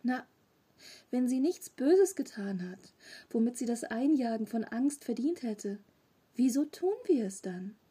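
A woman's voice: fairly high pitch, animated, measured pace, dark tone, slightly rough. A woman reading a storybook, voicing an earnest, questioning nine-year-old boy.

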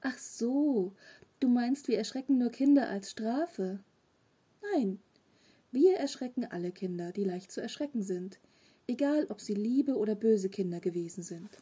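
A woman's voice: a little high, lively intonation, a little slow, warm tone, slightly rough. A woman voicing a naive three-eyed monster. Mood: puzzled.

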